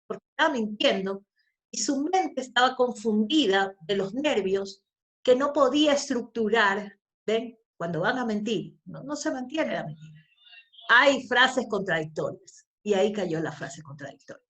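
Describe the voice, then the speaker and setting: A woman's voice: fairly high pitch, expressive, measured pace, fairly bright tone. A woman teaching a law class, stressing points by repeating them and checking in with tag questions. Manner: emphatic, repeats key phrases, frequent tag questions. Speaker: law lecturer. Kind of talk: lecture.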